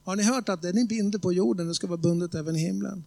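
A man preaching a sermon in a conversational storytelling way, often checking whether the congregation is following and slowing down to stress key words. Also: sits high, gravelly, darkish tone, no room sound. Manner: tells stories with quoted voices and emphatic slow stresses.

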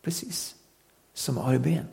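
A man preaches an earnest sermon with a gravelly, creaky edge to his voice. He slows down and presses hard on key phrases. His words ring out with a long hall reverb. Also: on the high side, a little mellow.

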